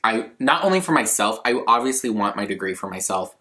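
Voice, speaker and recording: Young guy in his 20s, lowish bright voice, rambly casual vlog chat, kinda self-deprecating. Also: expressive, a little fast. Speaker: vlogger answering viewer questions. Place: living room at a coffee table, indoors.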